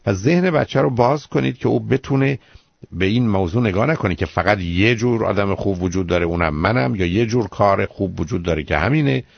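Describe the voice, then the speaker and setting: Gravelly low-voiced man giving advice. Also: no echo, dull audio. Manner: calm, explanatory, calls listeners "dear". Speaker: psychologist answering callers. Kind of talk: radio call-in advice.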